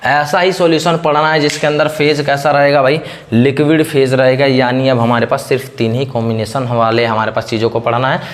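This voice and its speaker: A man's voice: medium pitch, fairly even intonation, a little fast, hardly any pauses. A man teaching a chemistry lecture in Hindi. He asks questions and then answers them himself, repeating the same pattern. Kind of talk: classroom lecture.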